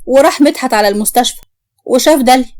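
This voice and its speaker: A woman narrating a family drama story in an Egyptian accent, brisk and matter-of-fact. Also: high-pitched, darkish tone.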